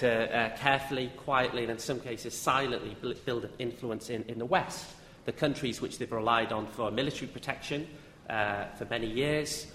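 Hesitant lecturer in an echoey hall. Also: male voice, mid-range voice, a bit bright, slight background noise. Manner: hesitant, with frequent "uh" fillers and lists. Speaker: university lecturer giving a public talk. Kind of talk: academic lecture. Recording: echoey hall with long reverb.

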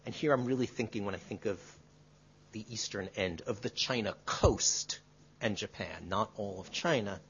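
A male history professor answering an audience question in a measured, qualifying way, often adding tag questions. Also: lowish voice, a little hiss or hum. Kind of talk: academic lecture Q&A. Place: lecture room. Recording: dull lo-fi lecture recording.

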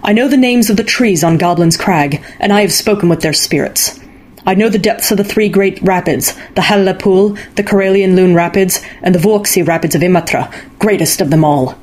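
A woman's voice: medium pitch, fairly quick, darkish tone, lightly acted. A woman voicing a proud, stubborn young man who boasts of his knowledge. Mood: boastful. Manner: earnest, proud, raised. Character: boastful young male charm singer, stubborn.

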